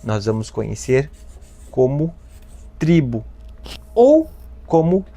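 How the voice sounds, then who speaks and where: A Brazilian man giving a self-help talk, animated, acting out parents and children in his stories. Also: mid-range voice, slow. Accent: Brazilian Portuguese. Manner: lively storyteller, acts out voices of children and parents. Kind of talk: lecture with acted anecdotes.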